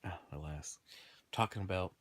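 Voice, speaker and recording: A man in his thirties with a low-sitting voice hosts a gaming video, delivering a rambling, casual monologue at a moderate pace. He trails off, restarts and laughs at himself.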